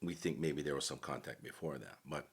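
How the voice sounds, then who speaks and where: A middle-aged man from Hawaii, a podcast guest, telling stories in a relaxed, casual chat. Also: a bass voice, brisk, gravelly, slightly rough. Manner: relaxed storyteller who acts out quoted voices.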